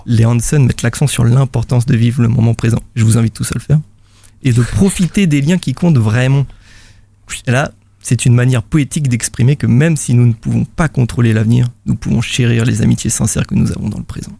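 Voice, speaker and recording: Guy doing a half robot voice reading out some ai answer, stiff and mock serious, kinda gravelly. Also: mid-range voice, fairly quick, mellow. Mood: mock robotic. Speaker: radio show columnist.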